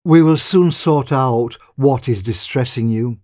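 A man reading a story, voicing a calm male detective who speaks soothingly. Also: medium pitch, unhurried, close to an everyday voice.

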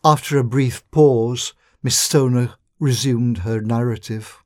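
A man reading a classic detective story aloud in a measured, unhurried narration. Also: medium pitch, steady tone.

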